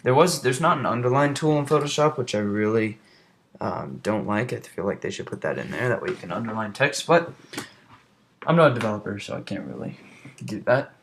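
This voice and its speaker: A young man with a low, gravelly voice talks his way through a design tutorial. He rambles and drops into under-the-breath mutters as he works. Faint background hiss and keyboard clicks sit under the recording. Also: big pitch swings, fairly quick, fairly bright tone. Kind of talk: casual screen-recorded tutorial.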